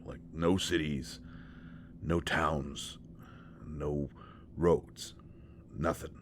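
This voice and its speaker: A very deep-voiced man stammers haltingly through an intimate, one-sided roleplay audio drama as an awkward, gentle, devoted companion, his mood wistful and soft. There's slight background noise.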